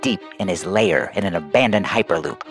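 A man's voice: low voice, expressive, fairly quick, over music. A man voicing a dramatic announcer for a parody radio serial, with breathless cliffhanger delivery.

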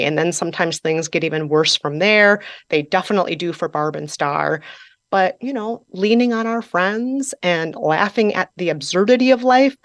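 A woman's voice: lowish voice, no room sound, studio quality. Upbeat Midwestern woman critic. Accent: Midwestern American. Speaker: culture critic guest. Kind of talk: radio movie recommendation.

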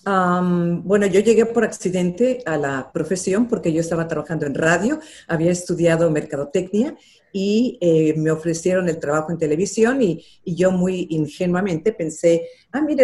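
This older woman speaks in a somewhat low, slightly mellow voice. A television journalist being interviewed, she reflects sincerely on her career story, with a few filler words mixed in.

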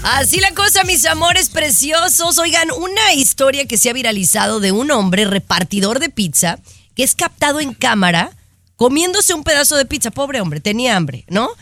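A woman hosts a chatty talk show with a bright, forceful voice that swings lively up and down. She teases her co-hosts playfully. Her voice sounds close and dry. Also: high voice, moderate pace, no room sound, faint music behind. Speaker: show host. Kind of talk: casual talk show chat.

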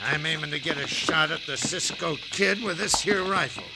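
Gravelly, high-pitched Western outlaw bully. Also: male voice, normal speed, loud music behind the voice. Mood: vengeful. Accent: American Western. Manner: gruff, threatening. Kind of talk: old-time Western drama acting.

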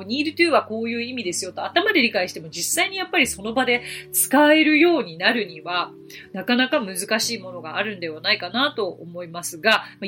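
A woman's voice: fairly high pitch, bright, forceful tone. A woman hosting a podcast lesson as an English teacher, explaining things step by step in a friendly, encouraging way.

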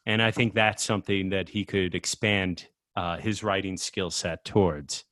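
Low-ish guy cohosting a podcast, rambly, lots of um and you know, dry close sound. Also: fairly even intonation, measured pace, a bit bright, no echo. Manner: rambling, many fillers and restarts. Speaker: podcast co-host. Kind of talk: casual chat.

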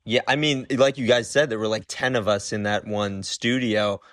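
A man guesting on a podcast, chatting in a relaxed, easygoing way. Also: lowish voice, normal speed, dry recording, studio quality. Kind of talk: casual interview chat.

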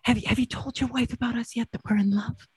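A woman's voice: on the high side, fairly even intonation, fast talker, slightly rough. A woman playing a theatrical, flirtatious female beauty shop client, sultry and campy. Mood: breathy. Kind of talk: improvised comedy scene.

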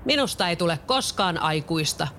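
A storyteller voicing a boastful, excitable boy who never grows up, in a lifted voice. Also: medium pitch, a little hiss or hum.

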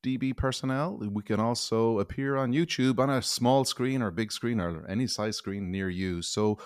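A man co-hosting a podcast in a brisk, jokey way, passing questions to colleagues. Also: medium pitch, clear, resonant tone, no room sound, clean studio sound. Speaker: podcast co-host. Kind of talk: casual podcast chat.

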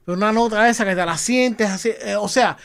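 A man's voice: high voice, fairly quick, creaky, fairly bright tone, smooth. A man co-hosting a podcast, playful and mixing in English words. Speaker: podcast co-host. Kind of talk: casual banter.

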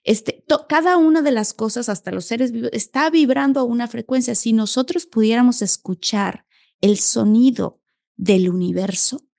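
A woman hosting a podcast, chatting with enthusiasm and putting ideas in plain, simple terms. Her voice sits fairly high and is recorded dry and close. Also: moderate pace, vocal fry, darkish tone, dry recording. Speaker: podcast host. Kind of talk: casual spiritual conversation.

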